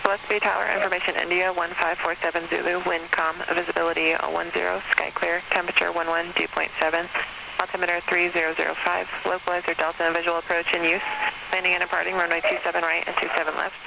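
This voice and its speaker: A man reading a recorded airport weather broadcast in a steady, clipped readout of figures, heard over an aircraft radio. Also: high-pitched, fast talker, vocal fry. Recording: hissy aircraft radio reception.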